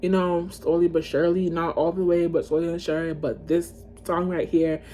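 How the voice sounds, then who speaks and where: A woman's voice: on the low side, flat delivery, brisk, mellow, slight background noise. A woman vlogging casually to camera, ranking music in a chatty, emotional way and calling her viewers y'all.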